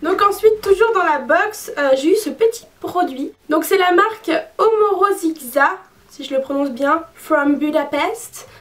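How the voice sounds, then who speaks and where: A woman's voice: extremely high pitch, expressive, a little slow, distant mic. A young woman reviewing beauty products in a casual, frank way, with many fillers and restarts. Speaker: beauty vlogger.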